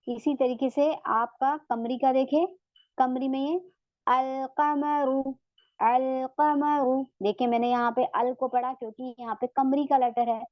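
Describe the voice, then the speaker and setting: A woman teaches an online tajweed class, her voice slightly high and unhurried as she patiently walks through each example. The sound is dry and a little dull, with a lo-fi edge. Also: dry recording. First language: Urdu. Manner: patient, repeats examples slowly. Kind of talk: online lesson explanation.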